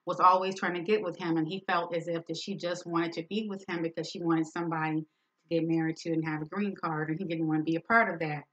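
A woman's voice: fairly low pitch, fairly even intonation, quick pace, highs cut off. A woman host candidly retelling a friend's painful story in a personal talk, speaking with emphasis.

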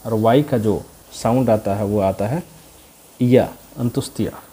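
A man's voice: lowish voice, unhurried, dark tone, breathy edge. A man teaching English letter sounds, repeating each sound and quizzing the viewer with call-and-response questions. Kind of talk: slow repetitive phonics lesson.

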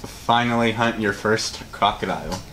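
A young adult man hosting an amateur game show with halting host patter, recorded in a room at home. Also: lowish voice, a bit bright. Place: furnished home games room, indoors. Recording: clearly noisy room recording.

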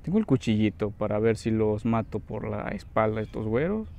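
A young man with a Mexican Spanish accent commenting on his own gameplay, excitable and swearing, yelping when in danger. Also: fairly low pitch, a little fast, gravelly, slight background noise. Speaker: gameplay streamer. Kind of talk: gaming commentary.

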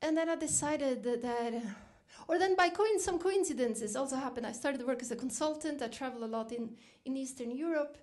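This keynote speaker, a middle-aged woman from Norway, tells reflective stories at a dinner and raises her voice when quoting her own words. Her voice sits high, a little mellow, and moves at a fairly quick pace.

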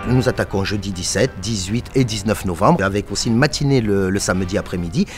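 Sitting in an empty theatre auditorium, the artistic director of a theatre company, a man in his forties, gives an enthusiastic, emphatic interview. His voice is on the low side with a darkish tone and a brisk pace, over soft background music.

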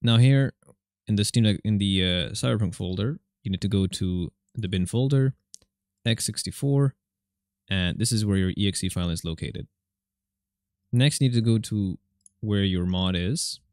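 Male gaming tech host, informal and chatty, gravelly edge, very dry close-miked sound. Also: on the low side, moderate pace, a little mellow, dry recording. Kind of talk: casual gameplay commentary and tutorial.

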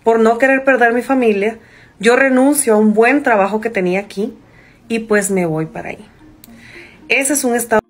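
A woman's voice: fairly high pitch, moderate pace. A woman telling a first-person story in a conversational way, with fillers and small restarts. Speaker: narrator of a viewer's story.

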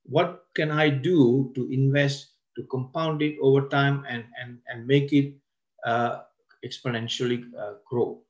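A man presenting a wealth seminar as a lecture. He slows down to stress key words and often breaks off and restarts his sentences. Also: medium pitch, steady tone, lo-fi sound.

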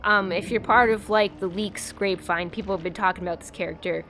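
With a steady, fairly bright tone at medium pitch, a young American woman from the East Coast talks fairly quickly to viewers during her game stream. She's chatty and giggly, using lots of fillers.

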